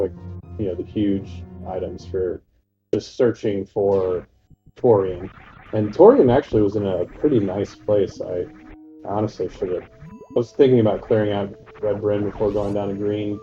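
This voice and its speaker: A man's voice: on the low side, warm tone. A man chatting casually as a player guest. He sounds distant and echoey, muffled as if through a wall, and talks in a laid-back, rambling way full of fillers. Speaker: player guest on a race stream. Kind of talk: casual chat. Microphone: far from his mic on a voice call.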